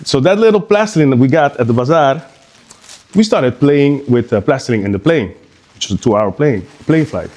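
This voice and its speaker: Halting, conversational man from Curaçao. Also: mid-range voice, animated, darkish tone. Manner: halting and conversational, often restarting sentences. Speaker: guest speaker at an art exhibition. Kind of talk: informal live talk. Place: art exhibition space.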